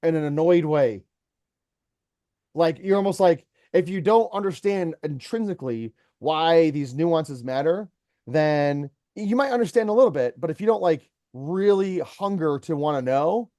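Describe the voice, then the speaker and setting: Business owner guy giving a worker a earnest pep talk, kinda high voice, dry close sound. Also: moderate pace, dark tone, no echo. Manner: earnest, storytelling, mentoring. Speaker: company owner coaching an employee. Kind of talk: one-on-one coaching talk.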